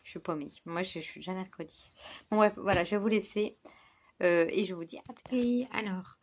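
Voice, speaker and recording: A woman's voice: medium pitch, brisk, darkish tone. A woman chatting casually to her book vlog in a rambling, scatterbrained way, with a slight lisp on her words. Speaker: book vlogger.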